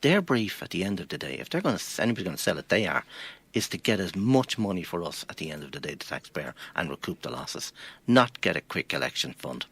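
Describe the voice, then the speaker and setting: A man's voice: low-pitched, big pitch swings, fast talker, few pauses, fairly bright tone, husky. An Irish man, a financial planner guest, arguing his points emphatically with rhetorical questions in a studio interview.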